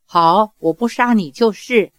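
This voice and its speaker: A woman's voice: mid-range voice, measured pace, no echo, clean studio sound, lightly acted. A woman voicing a fiery young swordswoman. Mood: angry. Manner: scolding, sharp commands.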